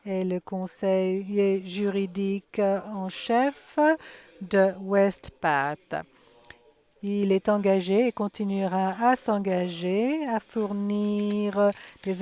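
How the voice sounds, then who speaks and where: Slow, mellow-voiced woman interpreting live. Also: mid-range voice. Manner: halting, with pauses, fillers and self-corrections. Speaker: simultaneous interpreter. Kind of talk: live interpretation of a conference session.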